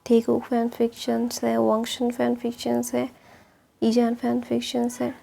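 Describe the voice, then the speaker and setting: A woman with a sore throat retelling a story in a slow, effortful, casual way as the channel host. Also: on the high side, completely flat delivery, vocal fry, dark tone.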